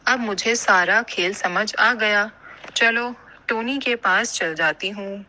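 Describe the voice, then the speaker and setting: A woman voicing a kind, motherly female pigeon in an animated cartoon, speaking gently and giving advice. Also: medium pitch, close to an everyday voice, low-quality recording. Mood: caring. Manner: gentle and advising.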